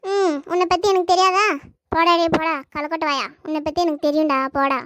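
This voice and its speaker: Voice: very high-pitched, level tone, quick pace, fairly bright tone, no echo, clean studio sound. A performer voicing a grumpy, sarcastic grandmother in a family comedy cartoon, scolding and brushing off her grandson. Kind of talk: family comedy skit dialogue.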